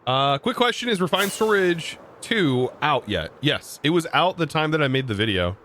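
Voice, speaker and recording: A man's voice: fairly high pitch, very animated, normal speed, fairly bright tone, a little hiss or hum. An American man streaming a game, chatting casually and answering his chat in disbelief. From United States. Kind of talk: casual livestream chat while gaming.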